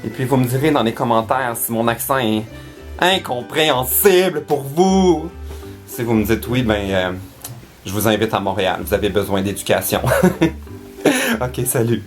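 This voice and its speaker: A young man from Quebec with a Québécois French accent, chatting in a casual travel vlog, animated and laughing as he tells stories. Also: on the low side, fairly quick, faint music behind. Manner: animated, laughing, exclaims often. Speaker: vlogger.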